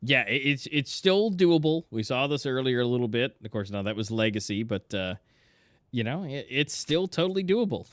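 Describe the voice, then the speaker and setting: Animated male esports caster, dry sound. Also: medium pitch, normal speed, no echo. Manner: casual, animated, exclamatory. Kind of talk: live esports commentary, conversational analysis.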